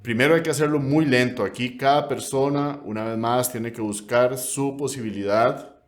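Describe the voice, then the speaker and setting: A man's voice: mid-range voice, normal speed. A man gives a classical guitar lesson, patiently explaining and counting beats aloud as he demonstrates. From Costa Rica. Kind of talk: instructional lesson. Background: classical guitar strumming.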